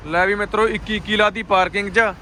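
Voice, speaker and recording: A man's voice: sits high, steady tone, fast, noisy background. A man with a Punjabi accent hosting a casual vlog, teasing his friends in colloquial banter and peppering them with questions. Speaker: vlog host.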